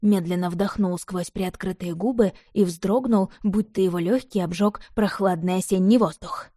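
A woman reading a novel aloud in the first person, expressive and lively. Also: medium pitch, normal speed, dry recording, studio quality. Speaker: narrator. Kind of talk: audiobook narration.

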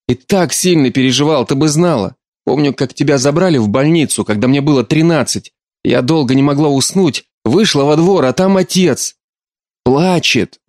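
A frustrated young woman, as a male narrator voices her, pitched up above his own voice and urging hard. Her lines come in a dry, close storybook reading. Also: normal speed, darkish tone, dry recording, close to an everyday voice. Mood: pleading. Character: young adult daughter, frustrated and insistent.

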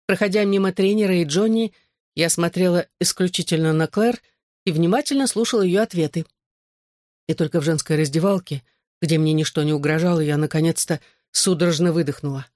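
A woman reading a first-person novel aloud as an audiobook narrator, in a measured, expressive manner. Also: fairly low pitch, no echo, studio quality.

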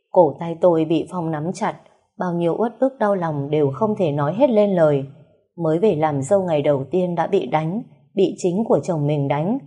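Dark-voiced woman storyteller. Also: fairly low pitch. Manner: emotional, wronged, plaintive. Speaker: story narrator. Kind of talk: first-person storytelling narration.

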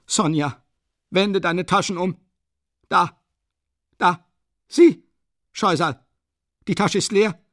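A woman's voice: lowish voice, takes it slowly, long pauses, no room sound, studio quality, pitched above the performer's own voice. An actor reading an audiobook, playing a frantic, furious woman who shrieks and scolds. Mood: frantic shrieking.

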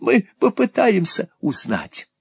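Man as cruel schoolmaster, mocking snarl, husky, lively pitch. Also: slow, dry recording, studio quality, exaggerated voice. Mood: menacing. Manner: snarling, mocking, shrill when enraged. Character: cruel bullying male schoolmaster.

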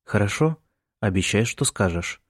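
A man's voice: on the low side, animated, normal speed, breathy edge, no room sound, studio quality. A male narrator voicing a worried middle-aged mother who keeps fussing over her son in an audiobook. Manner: anxious, insistent and fussing.

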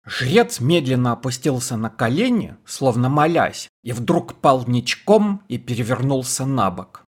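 A man narrating an audiobook in an even, measured storytelling voice. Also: medium pitch, breathy edge. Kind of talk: scripted narration.

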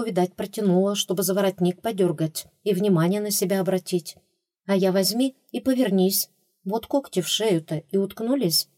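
Woman reading a story, low mellow voice, dry close sound, wry and steady. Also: dry recording. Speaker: audiobook narrator. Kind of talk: first-person storybook narration.

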